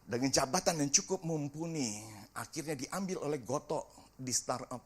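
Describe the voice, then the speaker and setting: A middle-aged man, a pastor preaching a sermon and telling a family story with lively acted-out dialogue. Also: a little high, moderate pace. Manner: animated storytelling, acts out family dialogue, sings briefly.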